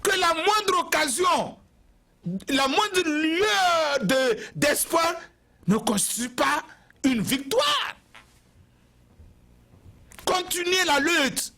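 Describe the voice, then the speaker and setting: Guy preaching at his viewers on tv, really high voice, slow and deliberate. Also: expressive, vocal fry, sharp tone. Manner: exhorting, preacherly, repeats phrases for emphasis. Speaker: TV commentator. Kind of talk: impassioned televised address.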